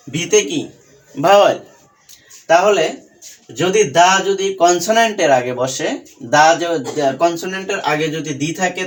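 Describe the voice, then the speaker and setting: Young guy tutor, slightly high voice, patient, repeats stuff and asks the class questions. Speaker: English teacher. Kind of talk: online grammar lesson.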